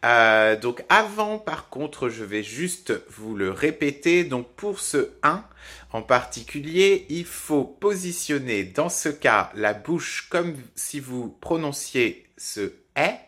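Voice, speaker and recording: A man teaching French pronunciation on a podcast, halting with many fillers and restarts. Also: medium pitch, expressive, pushed and bright. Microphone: podcast microphone.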